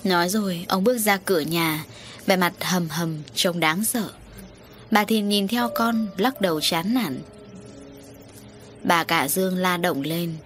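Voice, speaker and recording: A woman narrating a ghost story audiobook in an even, steady voice. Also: fairly low pitch, measured pace, soft background music.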